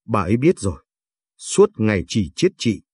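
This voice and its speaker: A man voicing a meek, self-blaming pregnant young wife in a storybook reading, softly reassuring. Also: fairly low pitch, very animated, moderate pace, slightly rough, no room sound. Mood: resigned. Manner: soft, resigned reassurance.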